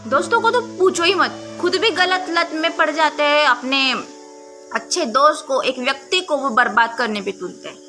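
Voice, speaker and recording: Earnest high-voiced woman pleading her point. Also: moderate pace, pushed and bright, soft background music. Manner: earnest, pleading, repeats key phrases. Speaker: social commentary vlogger. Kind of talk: impassioned monologue to camera. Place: indoors with construction noise outside.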